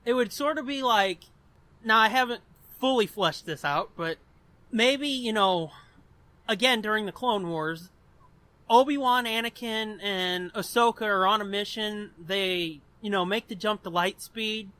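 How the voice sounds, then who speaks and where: A podcast host explains things during a casual chat in a blunt, profane, animated way. His voice is high-pitched and a little slow, captured in a dry recording.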